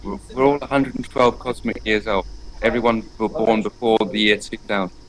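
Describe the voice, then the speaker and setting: He sounds on the low side with fairly even intonation and normal speed, captured roughly over crowd noise. The speaker is an English energy painter in his forties, a guest in a casual interview who rambles earnestly with plenty of fillers and restarts.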